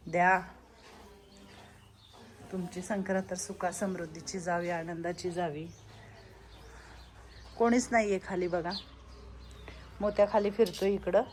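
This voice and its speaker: A woman's voice: medium pitch, slight background noise. A woman running an old-age home, chatting and coaxing residents as she hands out things. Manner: lively, coaxing elders, calls out loudly. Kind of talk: casual vlog chat.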